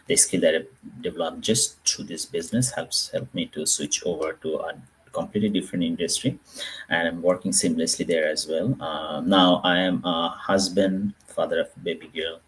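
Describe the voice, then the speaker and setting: A man, introducing himself on a webinar panel in a measured way with frequent pauses, over a video call. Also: low-pitched, steady tone, a bit bright, slightly rough, poor audio. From Bangladesh.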